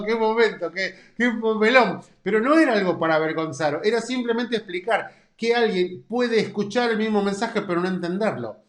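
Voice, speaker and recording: A man in his thirties with a Rioplatense Spanish accent leads a Bible study, animated and emphatic. His voice sits fairly high and often rises for emphasis. The room gives his words a noticeable echo. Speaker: Bible teacher.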